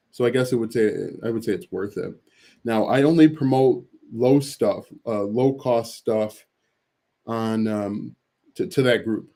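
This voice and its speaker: On a casual livestream, a man reads viewers' chat questions aloud and answers them, often stumbling over fillers and restarting his sentences. His voice is fairly low and warm.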